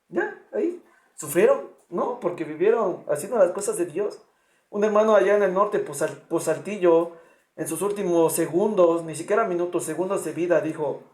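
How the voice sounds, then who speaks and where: High-voiced preacher in an echoey room. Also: male voice, a little mellow. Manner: earnest, direct address to the congregation. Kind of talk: sermon.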